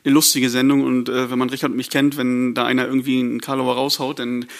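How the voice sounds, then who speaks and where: A man, a fan radio commentator, reminiscing casually in a hesitant, halting way. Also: medium pitch, little pitch movement, creaky.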